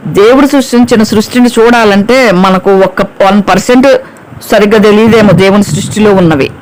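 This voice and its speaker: A woman's voice: medium pitch, normal speed, a little mellow, rough recording. A woman preacher delivers a Bible sermon in an emphatic, urgent way. She hammers points home by repeating key words. Now and then she slips into short acted quotes of children and parents.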